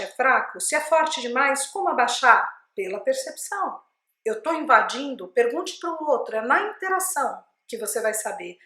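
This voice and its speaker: Woman, Brazilian Portuguese accent, speech coach, high voice, lively questioning delivery, roomy echo. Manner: expressive, asks the viewer many questions. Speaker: speech therapist and communication teacher. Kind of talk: instructional video talk to camera. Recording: echoey room.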